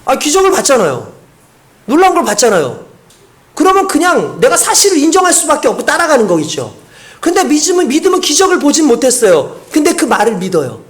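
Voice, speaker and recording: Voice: high voice, huge pitch swings, fast. Pastor giving a chatty sermon, storytelling, voice bouncing up and down a lot. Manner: conversational, storytelling, rhetorical questions.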